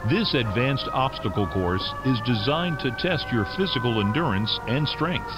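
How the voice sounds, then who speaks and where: An actor playing an upbeat, official announcer giving video game instructions in a formal, showy presenter style. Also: male voice, mid-range voice, animated, normal speed, close to an everyday voice. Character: upbeat official male test-course announcer. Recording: prominent game music underneath.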